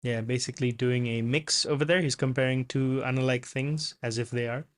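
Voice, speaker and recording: A man giving casual reaction commentary on a comedy clip, relaxed and chatty, laughing often. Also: medium pitch, moderate pace, a little hiss or hum.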